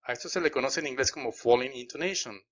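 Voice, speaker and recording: A man's voice: mid-range voice, fast talker, a bit bright. A man teaching English grammar, explaining each example step by step and modelling English sentences. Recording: slightly dull, lo-fi sound.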